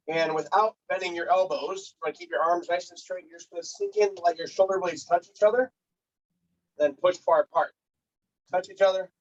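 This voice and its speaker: A man working as a personal trainer with a hoarse voice, coaching a client through exercises step by step with easy laughs. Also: high voice, lo-fi sound. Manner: patient step-by-step instructions, laughs easily. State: hoarse, lost voice. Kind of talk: remote workout coaching.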